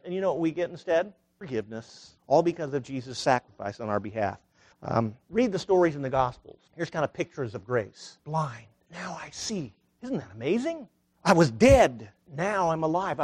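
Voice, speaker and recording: A man preaching a sermon in a conversational way, full of rhetorical questions, dropping soft and low, then rising loud and high. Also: sing-song, moderate pace.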